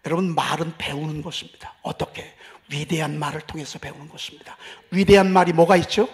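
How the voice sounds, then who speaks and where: A middle-aged man with a Chungcheong accent preaching a sermon and leading prayer, speaking emphatically and rising to loud exclamations. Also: on the high side, steady tone, a little fast. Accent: Chungcheong Korean. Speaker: pastor.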